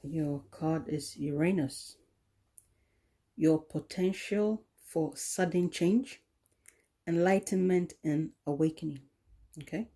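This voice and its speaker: A woman giving a tarot card reading, talking in a slow, soothing way with many "okay?" tag questions. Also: sits low, mellow. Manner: drops into a whisper at times. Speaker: tarot reader.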